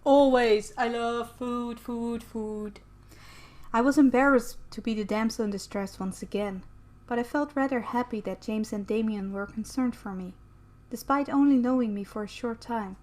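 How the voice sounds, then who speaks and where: A Dutch-native woman reading a visual novel aloud, chatty and quick to add her own comments. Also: fairly high pitch, a little mellow. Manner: chatty, laughs and comments between lines. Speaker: let's player.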